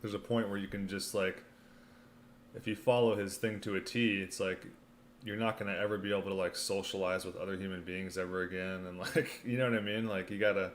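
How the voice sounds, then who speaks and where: A man's voice: low voice, steady tone, a little fast, a little hiss or hum. A man casually answering livestream questions in a laid-back, slangy way while eating, his mouth sometimes full. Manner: laid-back slangy delivery, often saying "man" and "you know"; throat clearing between remarks.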